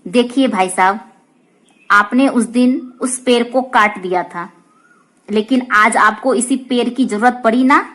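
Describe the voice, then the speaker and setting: A woman's voice: fairly high pitch, unhurried, a bit bright. A woman playing a patient lecturing villager. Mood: earnest. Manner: patient, explaining, persuasive. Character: calm grown male villager who lectures kindly.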